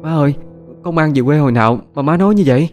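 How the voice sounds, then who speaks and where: A man's voice: on the high side, lively intonation, quick pace, darkish tone, faint music behind, voice pushed up, close to an everyday voice. A man voicing a timid, anxious young daughter-in-law, who pleads and stammers. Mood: pleading.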